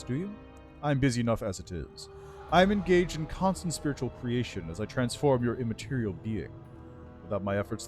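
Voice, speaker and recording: A man's voice: mid-range voice, close to an everyday voice. Man voicing an ancient, haughty undead lich, dry and theatrical. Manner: pompous, formal, disdainful. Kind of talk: voiced reading of game dialogue.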